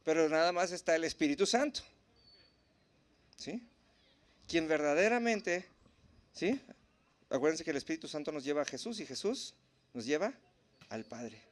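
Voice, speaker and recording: A man's voice: fairly high pitch, animated, moderate pace, long pauses. Man preaching conversationally. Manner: conversational, often checks with "¿sí?" and "¿no?". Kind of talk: informal church teaching.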